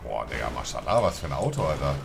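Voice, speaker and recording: Deep-voiced man in slangy game role-play. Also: sing-song, quick pace, vocal fry, noisy background. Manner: slangy, swaggering, swears a lot. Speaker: streamer role-playing in a crime game. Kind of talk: casual street-slang role-play chat.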